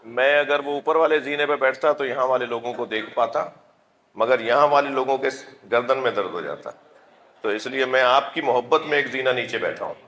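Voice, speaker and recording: A man preaching a sermon to a seated audience, with slow, drawn-out phrases. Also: medium pitch, fairly bright tone, a little hiss or hum. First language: Urdu. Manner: measured, drawn-out phrasing, calls the audience to recite salutations. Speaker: Shia religious scholar giving a majlis lecture. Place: gathering hall with an audience. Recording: echoey hall.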